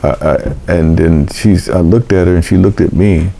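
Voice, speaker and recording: An older man hosting a vlog, telling a personal story in a halting, emotional way with many restarts. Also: low voice, vocal fry, warm tone, a little hiss or hum. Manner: halting, repeats words and restarts; emotional recollection. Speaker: vlog host.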